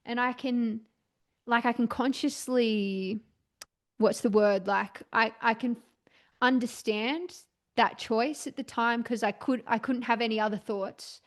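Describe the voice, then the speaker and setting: A woman's voice: fairly high pitch, fairly even intonation, unhurried. Hesitant young woman, searching for words. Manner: hesitant, searching for words, many fillers and restarts. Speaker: podcast host and client. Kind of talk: candid therapy session talk.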